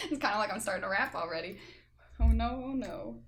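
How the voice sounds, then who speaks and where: A woman's voice: mid-range voice, brisk. A woman co-hosting a podcast in casual chat, chatty with lots of ums and frequent giggles. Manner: giggly, laughs often while talking. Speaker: podcast co-host.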